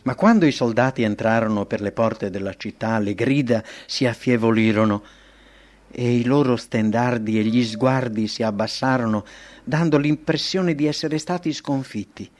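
A man narrating a religious history audiobook in an even, measured reading. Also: medium pitch. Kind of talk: scripted narration.

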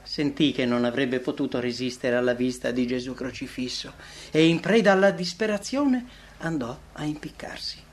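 A man's voice: mid-range voice, normal speed. A man reading a religious book aloud as scripted narration. His delivery is dramatic, swelling and then dropping to near-whispers at the ends of phrases.

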